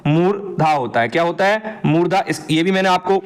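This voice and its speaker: A man's voice: on the high side, lively intonation, normal speed, clean tone. A man teaching an exam answer walkthrough, asking his students a question and then answering it himself.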